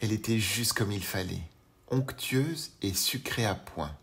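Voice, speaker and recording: A man narrating a children's audiobook in an expressive storytelling manner. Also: on the low side, measured pace.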